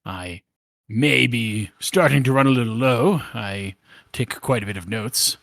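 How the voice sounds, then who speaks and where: A man voicing a proper, aloof elven gentleman in a tabletop game, slow and deliberate. His voice is gravelly and his delivery swings widely in pitch. The sound is dry and close. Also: no echo. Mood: formal. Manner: stiff, formal, measured.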